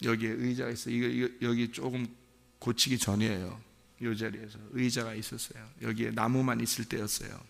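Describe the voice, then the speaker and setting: A male pastor preaching an impassioned sermon in a church, swinging between hushed words and loud outbursts. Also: mid-range voice, flat delivery, fairly quick, gravelly, in a large hall. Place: church sanctuary.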